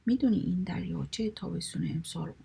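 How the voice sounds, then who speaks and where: A woman voicing a cunning male heron who talks softly and mournfully to win trust. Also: on the low side, exaggerated voice. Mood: scheming, mournful. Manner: soft, smooth-talking, mournful. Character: cunning male heron, scheming and falsely sad.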